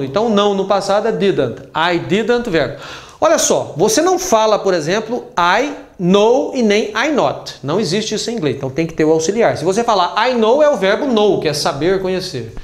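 A man with a Brazilian Portuguese accent teaching an English grammar lesson, patiently repeating points with examples. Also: sits high. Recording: roomy echo.

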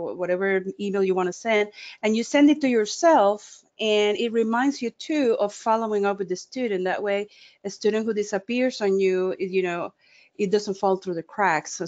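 A woman's voice: medium pitch, a little mellow. Woman instructor, enthusiastic and chatty, muffled call sound. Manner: enthusiastic, chatty, uses fillers. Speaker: faculty instructor. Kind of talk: casual discussion in an online faculty workshop. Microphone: video call.

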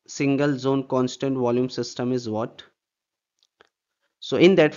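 This HVAC instructor walks through slides on air distribution systems, repeating points and asking rhetorical questions while checking in with "okay." He has a mid-range, somewhat dark voice, and the high frequencies are cut off.

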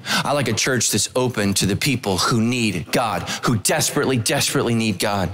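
A middle-aged man, a pastor, preaching a sermon on a large church stage into a handheld microphone, telling stories with humorous asides. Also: a little fast. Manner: animated storytelling with humorous asides, pitch swinging widely.

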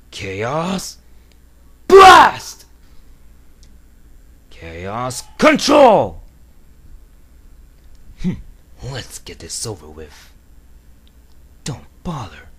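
A man's voice: medium pitch, vocal fry, pushed and bright, slightly rough, exaggerated voice. A man voicing an arrogant, brooding hedgehog antihero from a video game, with a cold, dramatic delivery. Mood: furious, shouting, then cold, menacing. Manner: slow, dramatic, haughty, cold. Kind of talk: video game character voice demo. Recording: noisy amateur home recording.

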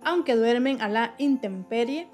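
A woman reporter reads a scripted news voice-over at a mid pitch, measured and clear. Music runs steadily under her voice. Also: animated, darkish tone.

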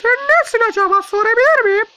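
A man voicing a squeaky-voiced young male sidekick who talks in a chirpy, eager way. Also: quick pace, pushed and bright, exaggerated voice. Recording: dull lo-fi sound.

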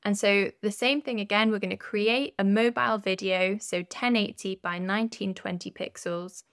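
A woman calmly talking through a design tutorial step by step in a scripted voice-over. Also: mid-range voice, normal speed, dry recording, clean studio sound. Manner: calm, clear step-by-step instructions.

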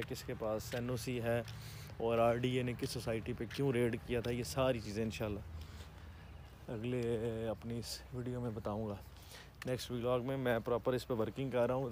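Punjabi-accented guy in his 30s vlogging on a walk, mellow dark voice, faint outdoor hum behind. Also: medium pitch. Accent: Pakistani Punjabi. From Pakistan. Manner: chatty, explaining as he walks. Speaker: real estate vlogger. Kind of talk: walking vlog with commentary. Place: outdoors in open farm fields. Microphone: phone camera held at arm's length.

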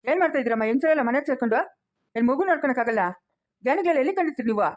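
A woman's voice: high voice, expressive, rapid-fire. A woman playing a stern village elder who scolds the household, in a rural Chikkaballapur Kannada accent. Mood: lecturing. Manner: sharp, scolding. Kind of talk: village family skit.

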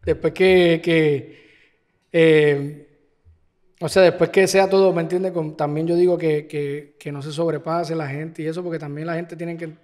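A man's voice: on the high side, fairly even intonation, measured pace, darkish tone, long reverb tail. A man hosting a podcast, chatty and rambling, often restarting his sentences. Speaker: podcast host. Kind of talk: casual podcast conversation.

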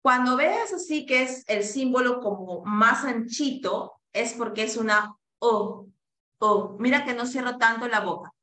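A woman leads a pronunciation lesson, drawing out each vowel so her students can copy it. Her voice is bright and fairly high, and she speaks very slowly. The room around her has a noticeable echo. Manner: slow and deliberate, drawing out each vowel and code-switching to English. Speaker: pronunciation teacher. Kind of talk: classroom lesson, modeling sounds for students to repeat.

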